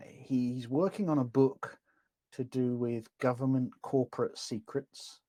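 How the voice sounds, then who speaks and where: Casting note: male podcast co-host, wry and halting, mid pitch, dry close mic. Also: warm tone, no room sound. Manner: hesitant, many ums and uhs, wry. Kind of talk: casual film-review chat.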